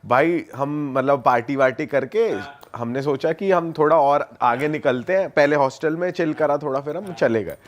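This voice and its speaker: Man, slightly high voice, joking, quick to chime in, casual chat. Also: dull audio. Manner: quick, joking, chimes in with his own story.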